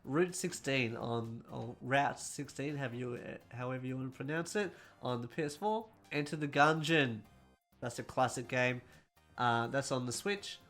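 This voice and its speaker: Guy doing a gaming news roundup, talks fast and keeps correcting himself, soft music underneath. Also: mid-range voice. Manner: rambling, self-correcting, quick-talking.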